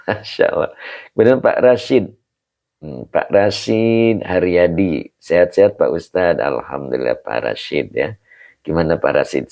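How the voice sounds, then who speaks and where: Man, hoarse, very deep, gravelly, lively pitch, patient teacher, live online class. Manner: explains patiently, ends phrases with "begitu, Pak". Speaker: Islamic teacher. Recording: dull lo-fi livestream audio.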